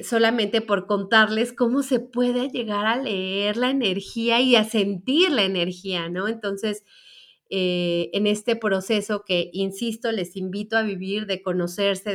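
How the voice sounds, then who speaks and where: Unhurried and fairly even in intonation, a mid-range female voice carries a Mexican Spanish accent. The woman, in her forties, casually shares a personal story with her audience on feminine energy, chatting with plenty of fillers and restarts.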